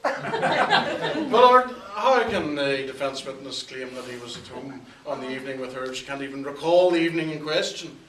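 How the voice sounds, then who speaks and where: A man's voice: medium pitch, expressive, a crowd in the background, natural voice. Man as haughty prosecuting barrister, formal and pompous, comic sketch, distant mic in an echoey room. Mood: incredulous. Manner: pompous, formal, hesitant pauses. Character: pompous, sneering prosecution lawyer. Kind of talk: comic improvised courtroom sketch.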